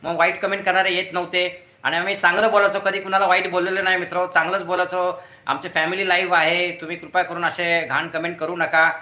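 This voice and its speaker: A man's voice: sits high, level tone, quick pace, roomy sound. A middle-aged man hosting a casual live stream at home, reading viewer comments aloud and greeting each viewer by name. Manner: chatty, greets viewers by name, thanks them warmly. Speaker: YouTube live-stream host. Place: home room beside his front door.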